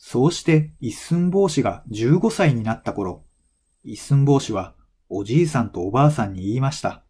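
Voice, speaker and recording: For language learners, a man narrates a folktale from a script in measured, clearly phrased storytelling, using an expressive, mellow, mid-range voice.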